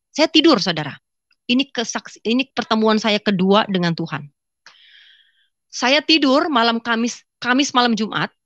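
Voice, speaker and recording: A woman giving an emotional personal testimony, swinging from loud cries to hushed whispers. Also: on the low side, dry recording, highs cut off. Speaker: testifying guest.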